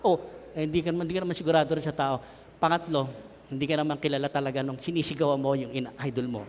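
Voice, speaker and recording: Man, Filipino accent, pastor, sermon, animated, high voice, hall reverb. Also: very fast, a little hiss or hum. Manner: animated, shouting and joking with the congregation.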